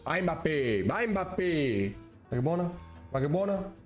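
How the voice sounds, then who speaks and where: A young man, giving excitable, swearing live commentary on his own gameplay and shouting at the game. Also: a little high, a little slow, faint music behind. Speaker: gaming content creator.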